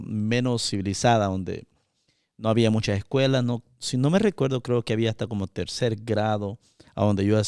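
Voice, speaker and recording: Guy from el salvador hosting an interview, smooth clear voice, dry close sound, lots of wow and sí. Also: medium pitch, dry recording. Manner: warm and encouraging, frequent affirmations. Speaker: interview host. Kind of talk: conversational interview.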